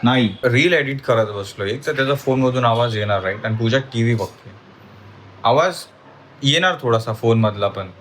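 A man's voice: mid-range voice, normal speed, fairly bright tone, slight background noise. A man in his thirties filming a casual family vlog at home, animatedly coaxing and teasing his little daughter. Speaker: family vlogger, father.

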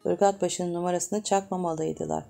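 A woman reading a novel aloud as narrator, with steady, measured storytelling. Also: on the low side, gravelly. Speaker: audiobook narrator. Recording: soft guitar music behind. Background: soft guitar music.

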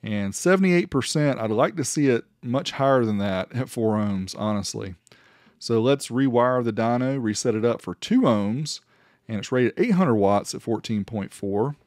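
Hosting an audio gear review channel, a man narrates his product tests casually, explaining things matter-of-factly and reading out figures. His mid-range voice is a little mellow, with lively intonation and a moderate pace. The recording is clean studio sound with no echo.

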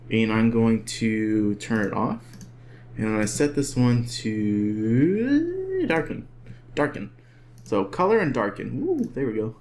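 A man walks through a photo edit in an easygoing, chatty way and throws in asides and jokes as he clicks along. His pitch sits in a middle range, and he talks like someone alone at his desk, recording his screen. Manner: relaxed, chatty, jokes to himself while working. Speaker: photo editing tutor. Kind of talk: casual screen-recorded tutorial.

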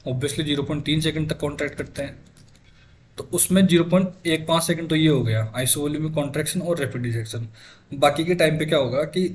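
A young man with a fairly high voice gives a classroom lecture to medical students. He works through each step and keeps asking the class questions. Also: a little hiss or hum.

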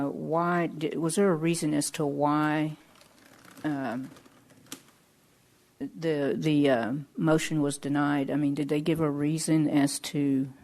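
A woman leading a formal council discussion, putting questions in a hesitant manner with a creaky voice. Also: low-pitched, a little mellow. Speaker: council member leading the meeting.

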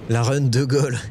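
Chatty low-voiced male streamer. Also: noisy background. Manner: chatty, swears when frustrated. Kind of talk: live gameplay commentary. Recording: game music playing behind.

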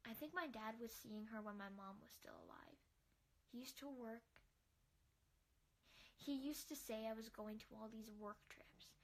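A woman playing a quiet, grieving teenage boy in amateur scene acting, subdued and reserved. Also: fairly high pitch, unhurried, pauses often. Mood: guarded, sad.

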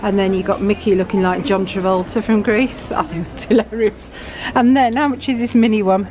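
A middle-aged British woman vlogging from a big store, chatting excitedly about items and their prices. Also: mid-range voice, a little fast. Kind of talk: shopping vlog walkthrough. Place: large busy store indoors. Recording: store music and crowd noise behind.

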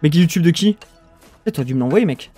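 A man's voice: a little high, animated, fast talker, dark tone, soft background music. A young French man casually casting a strategy game match, chatting with viewers in the chat, often trailing off and restarting sentences. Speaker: esports caster. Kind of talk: casual live game commentary.

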